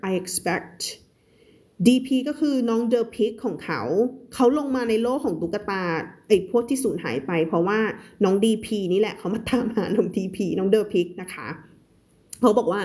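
A woman's voice: medium pitch, mellow. A woman English teacher giving a live reading lesson, explaining words one by one and repeating them to drill stress and sounds.

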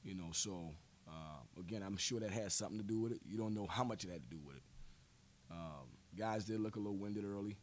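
A man in his forties, a head coach answering questions at a post-game press conference, measured and full of fillers and repeated words, speaking into a table mic in a press room. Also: fairly low pitch. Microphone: table mic on stand.

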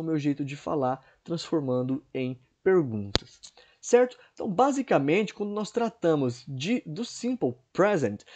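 A man with a somewhat high, dark-toned voice teaches an English grammar lesson to students online. He explains things step by step, checking in often with "right?" and repeating checks like "certo?" and "né?", and he clears his throat now and then.

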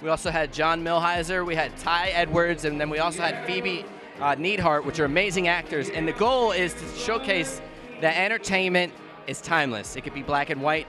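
An upbeat man chats at length about his film on a festival red carpet. His voice sits a bit high. Music plays clearly in the background. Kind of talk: casual interview. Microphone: handheld mic. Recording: music playing behind.

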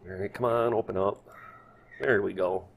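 He's a hobbyist instructor hosting a casual tutorial over a screen, his lowish voice creaky and husky with fairly even intonation at a moderate pace. He thinks aloud hesitantly, in a folksy style.

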